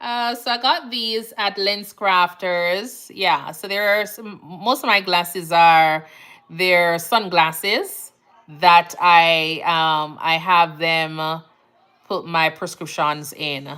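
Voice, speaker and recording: Slow and smooth, the lowish voice belongs to a Jamaican nurse hosting a livestream. With a Jamaican accent and Jamaican turns of phrase, she chats casually, reads out comments from viewers, and laughs readily in a relaxed way.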